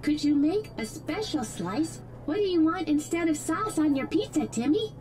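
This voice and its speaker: A woman's voice: sits high, very animated, normal speed, a little mellow, soft background music. A woman voicing a fussy mother robot who orders food for her child in a video game. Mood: chatty.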